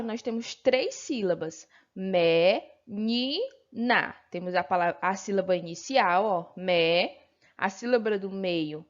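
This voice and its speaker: A Brazilian woman teacher with a patient manner, slowly explaining a textbook lesson and checking in with her pupils. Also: on the high side, lo-fi sound. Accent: Brazilian Portuguese. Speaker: primary school teacher.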